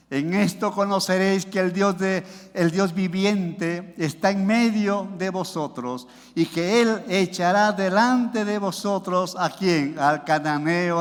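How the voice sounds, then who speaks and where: A male pastor preaching with fervor, his voice pitched high and carried through a hall with long reverb. He takes his time, reads scripture aloud and keeps calling out to his listeners. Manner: fervent preaching, with many "hermano" and "aleluya". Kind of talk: sermon.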